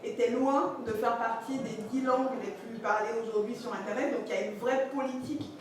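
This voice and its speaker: At a masterclass in a conference room, a woman whose first languages are Yoruba and Fon gives a hesitant talk full of fillers and restarts. Her voice is on the high side, steady and fairly quick, recorded from afar in an echoey hall with crowd noise and faint background noise.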